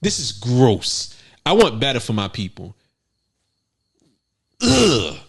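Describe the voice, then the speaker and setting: A young man co-hosting a podcast, chatting casually with animated, profane storytelling. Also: moderate pace, slightly rough. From United States. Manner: animated, profane, bursts into high exclamations. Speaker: podcast co-host. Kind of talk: casual chat.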